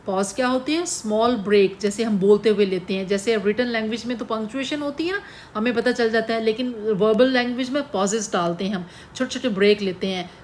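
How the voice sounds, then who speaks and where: A woman's voice: on the high side, a little mellow. Woman teacher, patient classroom lecture, mixes in English terms, faint room noise. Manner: explains slowly, mixing Hindi-Urdu with English terms, addresses students as beta.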